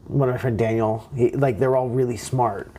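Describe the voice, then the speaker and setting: Husky man telling stories, animated. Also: medium pitch, moderate pace. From California. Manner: animated, acts out quotes in raised voices. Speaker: interview guest. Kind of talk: casual storytelling.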